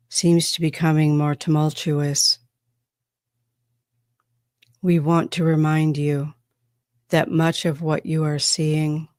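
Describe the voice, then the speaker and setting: A woman channeling a calm extraterrestrial spokesperson from Andromeda, speaking in a measured, solemn, formal way. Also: low-pitched, no room sound, studio quality. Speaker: trance channeler. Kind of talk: trance channeling.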